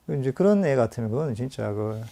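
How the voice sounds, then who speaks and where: A man's voice: mid-range voice, lively intonation, fast talker, gravelly, warm tone. A male Buddhist monk giving a conversational meditation lecture, full of fillers and restarts. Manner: conversational teaching with acted inner-voice quotes and light laughter.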